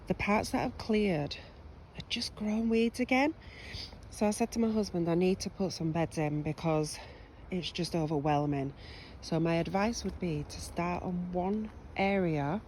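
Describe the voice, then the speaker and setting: A woman with a lowish, slightly mellow voice, sniffly from a cold, gives a casual walking-tour vlog of her allotment outdoors. She's chatty and scattered, full of ums and restarts. The recording is rough, with slight background noise.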